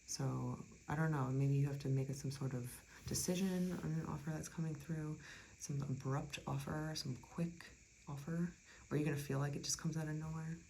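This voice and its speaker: A tarot reader talking through a card spread in a chatty, reassuring way, often dropping into soft near-whispers. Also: medium pitch, steady tone, moderate pace, gravelly, slight background noise, rough recording. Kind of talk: casual tarot reading.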